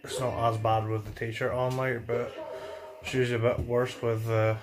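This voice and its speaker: A man's voice: mid-range voice, little pitch movement, moderate pace, crowd noise. A young man talks casually to camera in a home fitness vlog, easygoing and plain-spoken, with frequent fillers. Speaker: fitness vlogger. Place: home, garage gym and living room.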